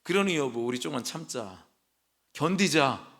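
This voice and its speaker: A man's voice: a little high, animated, normal speed, gravelly, fairly bright tone, exaggerated voice. A man playing a tender husband patriarch. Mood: gentle reassurance. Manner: tender, pleading reassurance. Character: devoted husband patriarch comforting his wife.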